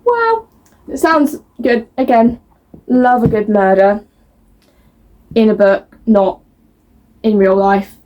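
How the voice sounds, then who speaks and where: A woman's voice: mid-range voice, steady tone, slow pace, long pauses, lo-fi sound. A woman chatting casually as a book vlogger, reading blurbs aloud and stumbling over words in a self-mocking way.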